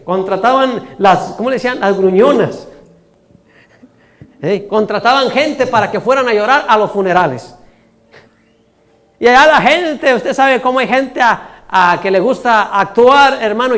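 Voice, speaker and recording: A man's voice: very high-pitched, animated, normal speed, fairly bright tone. A man preaching, telling stories in a folksy, chuckling way and often addressing his listeners as brothers. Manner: folksy, laughing, keeps saying "hermano". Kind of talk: storytelling sermon.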